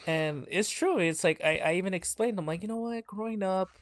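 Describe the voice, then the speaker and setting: A man's voice: high voice, brisk, no room sound, clean studio sound. A man in his thirties co-hosting a podcast in casual chat, rambling and laughing often. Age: 30s. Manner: rambling, laughs often, quotes others in a hushed voice. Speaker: podcast co-host.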